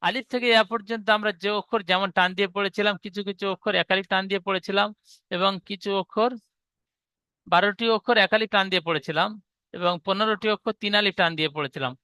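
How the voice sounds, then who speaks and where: Male teacher, high and bright, clean dry sound, patient and repetitive in his explanations. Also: fairly even intonation, no echo. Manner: patient, repeats each rule slowly. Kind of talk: teaching Arabic letter reading.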